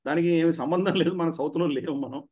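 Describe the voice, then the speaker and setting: A man's voice: a little high, darkish tone. Man explaining world affairs at length. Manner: measured, explains at length with frequent "ah" fillers. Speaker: political commentator guest. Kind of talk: explanatory studio discussion.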